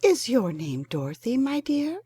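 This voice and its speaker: A kindly little old witch speaks slowly and solemnly in a high, breathy voice that rises and falls widely, as a woman narrator puts her on. The storybook recording is close and dry, with no room sound. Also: very animated, warm tone, dry recording, full character voice. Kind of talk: storybook reading.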